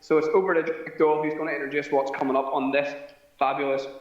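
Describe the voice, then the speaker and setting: A male teacher in a comedy sketch, quick, cheerful and self-deprecating. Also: a little high, little pitch movement, heavy reverb, recorded from a distance, dull audio.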